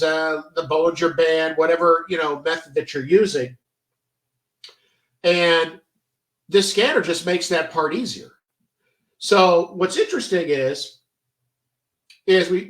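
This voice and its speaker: A man's voice: fairly high pitch, a little slow, pauses often. Stuffy, chatty man, roomy and distant. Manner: chatty, filler-heavy, stop-start. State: stuffy, congested. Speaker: trading educator. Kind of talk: casual screen-share tutorial.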